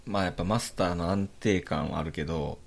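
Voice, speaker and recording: A man's voice: low voice, fairly quick, gravelly. A young man with a Kansai accent, co-hosting a podcast in casual chat with dry, wry teasing. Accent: Kansai Japanese. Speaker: podcast co-host.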